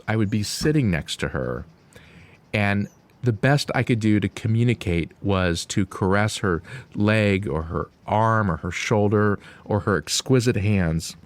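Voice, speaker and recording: A man reading a written eulogy aloud in a solemn, grieving, deliberate way, with pauses. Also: on the low side. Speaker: son giving a eulogy.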